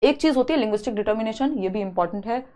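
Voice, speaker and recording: Higher-voiced woman teaching a live class. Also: very fast, mellow. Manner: explains step by step, mixing in English terms and reading out viewer comments. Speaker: exam-prep teacher.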